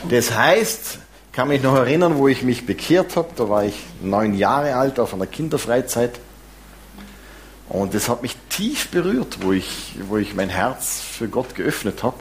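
A man preaching a sermon, lively and warm in his asides, with some self-deprecating humor. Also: medium pitch, measured pace, slight background noise. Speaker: pastor.

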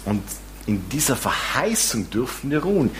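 A man preaching a sermon, lively and warm in his asides, with some self-deprecating humor. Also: mid-range voice, normal speed, background noise. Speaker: pastor.

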